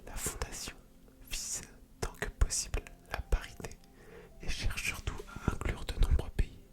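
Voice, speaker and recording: A woman hosting ASMR in a soft, unvoiced library whisper, reading aloud and commenting casually. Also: moderate pace. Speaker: ASMR video creator and host.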